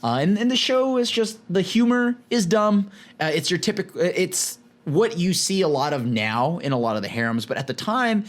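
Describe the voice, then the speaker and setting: An animated man from California co-hosting a casual podcast. His voice sits a little high and swings widely in pitch. He laughs often and restarts his sentences. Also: normal speed. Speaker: podcast co-host.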